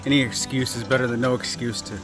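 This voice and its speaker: A man with a medium-pitched, steady voice talks fast to the camera, with music in the background. He's working his land in a wooded clearing, a little winded, casually chatting, poking fun at himself and thinking out loud.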